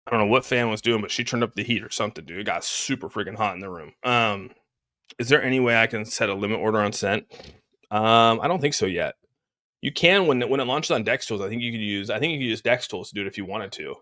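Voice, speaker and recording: A man with a fairly low, bright voice talks quickly and with a pushed edge while hosting a crypto livestream from a room at home. He rambles over the charts and answers live chat in a laid-back way, sounding slightly congested and saying "dude" a lot.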